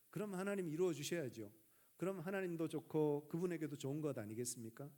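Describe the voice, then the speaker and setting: A middle-aged man, a pastor, preaching a sermon with dramatic pauses and rhetorical questions. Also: a little high, a little mellow. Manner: acts out prayers and dialogue in a raised voice.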